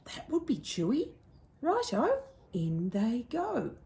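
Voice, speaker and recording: Woman playing a boastful, gleeful dingo with lively swoops. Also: a little high, slow, creaky, pitched above the performer's own voice, heavily acted. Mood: gleeful, smug. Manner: sing-song chanting and gloating. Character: boastful, gleeful male dingo, sly cook.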